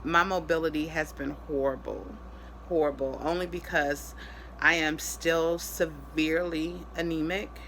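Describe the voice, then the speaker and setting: Woman vlogger, worn out and sore post-surgery, halting casual talk, bright voice, faint noise. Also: sits low, fairly even intonation, rough recording. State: tired and in pain after surgery. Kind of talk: casual personal health update vlog.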